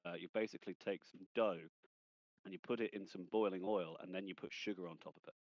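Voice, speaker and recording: A man's voice: sits low, steady tone, fast, no echo, highs cut off. A man playing a tabletop game, casual and hesitant, repeating words as he talks. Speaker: player.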